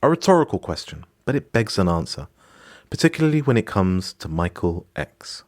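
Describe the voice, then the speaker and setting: A Moroccan man hosts a podcast, delivering scripted documentary narration with emphatic, personal storytelling. His voice sits low, moves through big pitch swings, and keeps a moderate pace.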